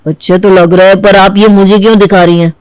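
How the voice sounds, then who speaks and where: A man's voice: high-pitched, level tone, fast, darkish tone, clear, resonant tone, dry recording, natural voice, poor audio. A man voicing a stubborn, argumentative young man in a cartoon who insists on a slim bride. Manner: whiny, argumentative. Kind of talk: Hindi cartoon dubbing.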